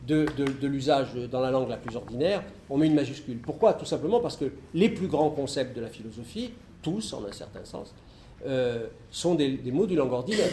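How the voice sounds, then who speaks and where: A middle-aged man with a mellow, medium-pitched voice gives a philosophy lecture and answers audience questions. He thinks aloud, with many restarts and fillers. The recording is from an echoey hall and has slight background noise.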